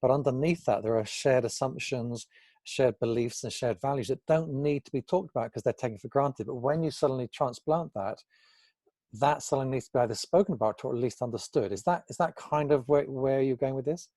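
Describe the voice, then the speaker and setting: A man's voice: medium pitch, fairly quick, mellow, dry recording. A man hosting an interview, asking long, thoughtful questions that rephrase what his guest has said. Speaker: interviewer, host.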